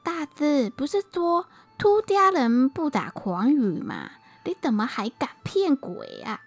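A woman voicing a bold young male tiger-slaying hero who talks eagerly and loudly. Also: high-pitched, huge pitch swings, slow, faint music behind, exaggerated voice. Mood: puzzled.

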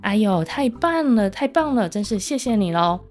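A woman's voice: medium pitch, lively intonation, moderate pace, a little mellow, faint music behind, close to an everyday voice. A woman voicing a cheerful, grateful old grandmother in a children's story, full of happy exclamations. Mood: delighted. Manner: exclaiming, easily delighted.

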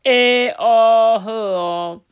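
A bossy wolf leader booms his boasts and threats in a children's story, as a woman puts him on. The voice sits high and carries a menacing edge. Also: big pitch swings, measured pace, highs cut off. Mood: gruff boasting.

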